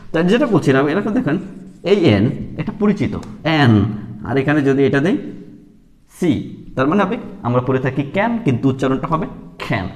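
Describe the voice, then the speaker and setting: A man's voice: a little high, very animated, darkish tone, big-room sound. A man teaching beginners English letter sounds, explaining patiently and repeating each sound several times. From Bangladesh. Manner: repeats sounds slowly, with many fillers.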